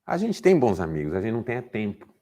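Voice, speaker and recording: A man's voice: fairly low pitch, huge pitch swings, fast, dark tone. A man giving a motivational talk to a men's group, asking rhetorical questions and acting out little dialogues. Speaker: speaker at a men's group, therapist.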